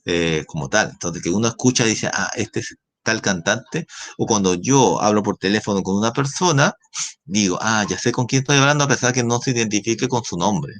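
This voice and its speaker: A man with a Chilean accent, a science teacher explaining a lesson and often checking in with tag questions. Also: lowish voice. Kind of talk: recorded class lecture.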